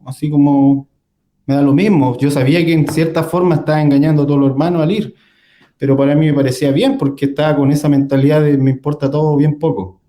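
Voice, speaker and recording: A man's voice: a little high, warm tone. A young man, telling a personal story in casual conversation, with many fillers and small laughs. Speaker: guest.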